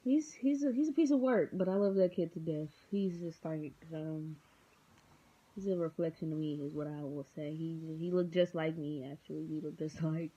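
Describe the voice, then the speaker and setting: A woman's voice: fairly low pitch, mellow. A tired young woman in her twenties chatting casually to her viewers at home at night, rambling off the cuff with lots of ums and a goofy streak. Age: 20s. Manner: rambling, unscripted, many filler ums. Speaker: vlogger. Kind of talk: casual vlog chat. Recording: dull lo-fi sound.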